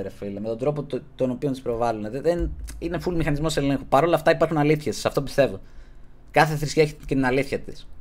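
A man hosting a casual podcast, giving earnest advice in slangy talk and closing his sentences with a low, mumbled "bro". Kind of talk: casual streamed podcast chat.

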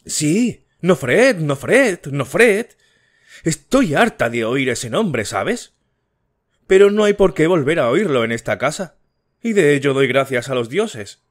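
A man's voice: sing-song, a little slow. A man voicing a proud, frightened wife who snaps defensively, in an audiobook. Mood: furious. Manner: nervous, then imperious and shrill. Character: haughty, frightened young wife.

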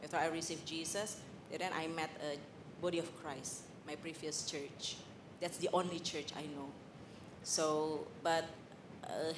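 An Indonesian woman with an Indonesian accent gives a candid personal testimony as a guest on a church panel, halting and using fillers. Her voice is low-pitched, and she speaks into a handheld mic in a large hall with a noisy background.

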